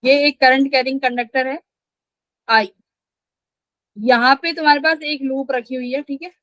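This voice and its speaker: High-voiced woman teaching physics. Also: steady tone, normal speed, a bit bright, dry recording, poor audio. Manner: asks students questions and answers them herself; scolding when students skip class. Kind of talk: live online class lecture.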